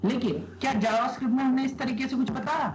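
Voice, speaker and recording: A male programming teacher with a very high voice and fairly even intonation lectures live in class at a quick pace. He quizzes students with rhetorical questions and keeps checking "okay?", in an echoey room with background noise.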